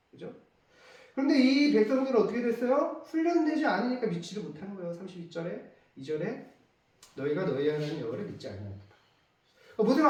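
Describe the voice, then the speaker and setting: A male pastor delivering an emphatic sermon full of rhetorical questions, heard from a distance in an echoey church. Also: very high-pitched.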